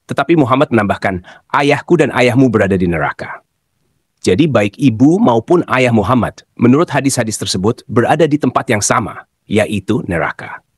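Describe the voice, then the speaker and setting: A man reading scripted narration in a measured, explanatory way. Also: fairly low pitch, breathy edge, no room sound, clean studio sound.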